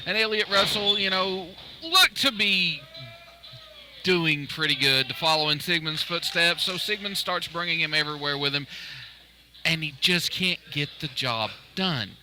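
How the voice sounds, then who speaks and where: A man's voice: on the high side, expressive, unhurried, background noise. A man doing opinionated live wrestling commentary, laying out his case with emphasis.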